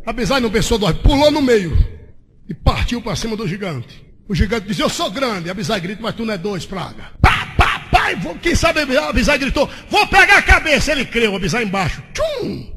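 A man preaching an evangelical sermon as pastor, swinging between fervent shouting and hushed storytelling. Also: very high-pitched, big pitch swings, fairly quick, husky. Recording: long reverb of a large church hall.

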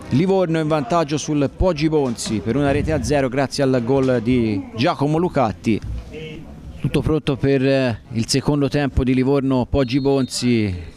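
A man giving football play-by-play commentary, with breathless, excited goal calls. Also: mid-range voice. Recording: crowd noise of an outdoor stadium. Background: outdoor stadium crowd sounds.

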